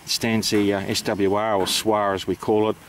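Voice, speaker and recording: An amateur radio operator with an Australian accent presents an informal, matter-of-fact explanation, working it out hesitantly without a script. His lowish voice is flat and fairly quick, and the rough recording carries a little hiss or hum.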